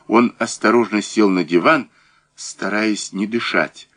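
A man narrating a crime novel audiobook in a measured, dramatic way. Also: on the low side, a bit bright.

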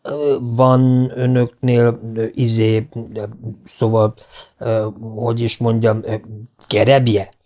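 A man's voice: fairly low pitch, fairly even intonation, a little mellow, lightly acted. A man voicing a shy, elderly farmer who stammers and hesitates with every word. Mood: bashful, flustered. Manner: halting, full of hesitations.

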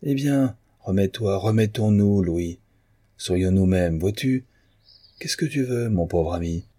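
A man's voice: low voice, slow, mellow, dry recording, clean studio sound. A man voicing an earnest, principled man in an audiobook of a novel, pleading and stern.

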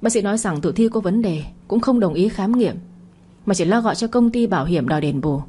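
A woman voicing a sharp, suspicious young woman who questions others pointedly in a storybook narration. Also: medium pitch, expressive, a little fast, husky. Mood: accusing. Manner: pointed and accusing.

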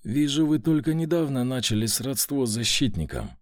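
Male reader as weary commandant, measured, dry close sound. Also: medium pitch, animated, no echo, close to an everyday voice. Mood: relaxed. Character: weary middle-aged male fortress commandant.

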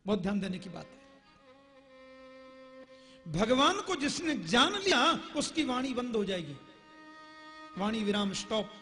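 A man preaching a devotional sermon, telling stories and acting out the dialogues in an animated way. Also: very high-pitched. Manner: chants Sanskrit verses slowly. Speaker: religious storyteller.

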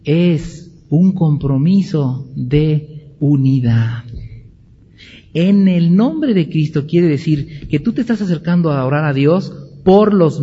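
A man's voice: on the high side, warm tone, husky. A man teaching a Bible class, emphatic and full of rhetorical questions. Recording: dull recording with long hall reverb.

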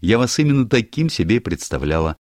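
A man's voice: fairly low pitch, big pitch swings, fast talker, a little mellow, no echo, clean studio sound, pitched above the performer's own voice. A man voicing a teasing, outspoken young woman in an audiobook, gushing and theatrical. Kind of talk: audiobook character voice.

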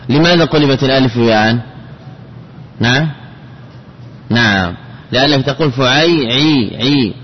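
Man slowly drilling grammar patterns, echoing hall. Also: mid-range voice, husky. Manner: repeats words slowly, spelling out patterns syllable by syllable. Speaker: teacher of Arabic grammar. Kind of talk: classical Arabic grammar lesson. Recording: dull lo-fi recording with long reverb and faint noise.

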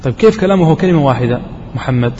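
A man's voice: mid-range voice, animated, racing, a little mellow, a little hiss or hum. A man teaching a grammar lesson to a class, explaining step by step and often quizzing his students. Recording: dull lo-fi hall recording.

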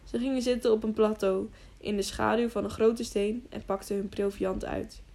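Calm woman narrating a storybook. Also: mid-range voice, moderate pace, gravelly. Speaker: audiobook narrator. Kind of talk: scripted narration.

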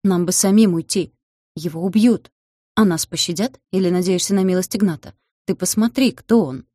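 A woman's voice: fairly low pitch, moderate pace, mellow, husky, no room sound, studio quality. A woman voicing a cold, contemptuous young man who protects a girl in a storybook. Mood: urgent.

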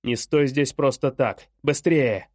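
A man's voice: mid-range voice, slow, a little mellow, no echo, clean studio sound. A man voicing a harsh, angry father who barks curt orders in an audiobook. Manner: barking, curt.

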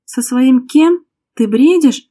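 A woman's voice: mid-range voice, fairly quick, lightly acted. A woman voicing a defiant, desperate young woman in a bitter quarrel in an audiobook. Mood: heated. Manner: sharp, defiant, pleading.

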